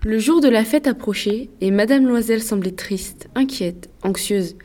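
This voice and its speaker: A woman giving a measured, scripted narration of a classic story. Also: a little high, mellow.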